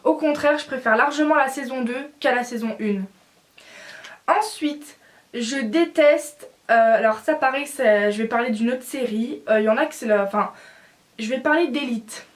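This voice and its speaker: A woman's voice: high voice, moderate pace. A young woman in a casual opinion vlog, talking bluntly and with feeling, with many fillers. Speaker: vlogger.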